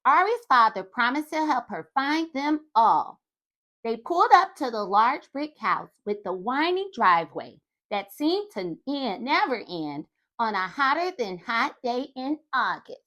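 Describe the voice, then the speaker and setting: An animated woman reads a children's storybook aloud, speaking straight to her young audience. Her voice sits high and moves through a wide, lively pitch range. She sounds warm and expressive, like a children's storyteller. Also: a little slow. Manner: animated, talks to young listeners.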